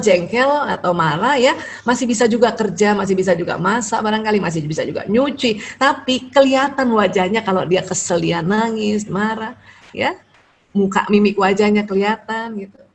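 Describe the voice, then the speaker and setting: A woman's voice: medium pitch, slight background noise. Middle-aged woman giving a chatty lecture. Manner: conversational, frequent "ya" tags, acts out little dialogues. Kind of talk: religious parenting lecture.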